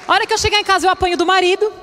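High-voiced woman preaching in a hall. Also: bright, forceful tone. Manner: chatty, humorous, acts out quotes. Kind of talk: sermon to a women's gathering. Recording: long hall reverb.

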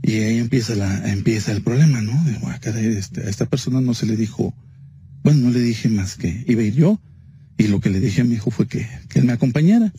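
A man's voice: medium pitch, animated, fast, dark tone, slight background noise. A man telling a spooky story in a casual, hesitant way, full of fillers. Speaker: guest telling a ghost story.

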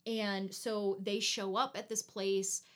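A woman's voice: mid-range voice, level tone, takes it slowly. A woman co-hosting a podcast, chatting casually about a movie with lots of "like" fillers. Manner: chatty, many "like" fillers, acts out characters' lines. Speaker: podcast co-host. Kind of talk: casual chat reviewing a movie.

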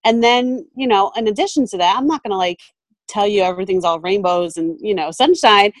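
A woman's voice: mid-range voice, brisk, no room sound. A woman photographer and mentor chatting casually in an interview, thoughtful, with frequent ums and restarts. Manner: thoughtful, many fillers and restarts. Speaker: photographer and mentor, podcast guest.

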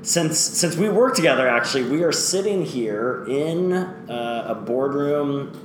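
A man's voice: mid-range voice, lively intonation, unhurried. A man hosting a casual sports podcast in a playful, upbeat way, recorded in an office boardroom. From United States. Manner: upbeat, playful, self-deprecating intros. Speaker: podcast host. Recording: echoey room with background noise.

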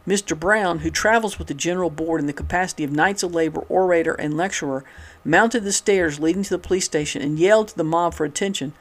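A man with a fairly high voice reads a nineteenth-century newspaper report aloud. He keeps a steady, measured pace through the long sentences and sometimes restarts a word. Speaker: reader of a historical newspaper. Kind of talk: reading a newspaper article aloud.

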